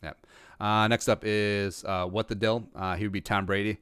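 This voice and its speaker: This podcast host, a man from rural Minnesota, muses over live chat questions on a casual stream with frequent restarts, rambling talk and dry, self-aware humor. His fairly low voice is a bit bright and clean, with little pitch movement, a moderate pace and no room sound.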